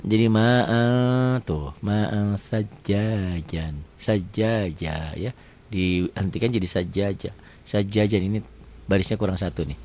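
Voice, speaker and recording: A man teaching Quran recitation rules. He asks questions and answers them himself, and he stretches the example words out slowly. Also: mid-range voice, no room sound. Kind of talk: tajwid lesson with question and answer.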